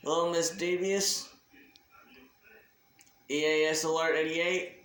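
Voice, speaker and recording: Like a hobby video creator, a man with a slightly high, fairly bright voice gives a casual, unscripted shout-out announcement. He speaks slowly, halting and deliberate, with little pitch movement, and the room echo is noticeable.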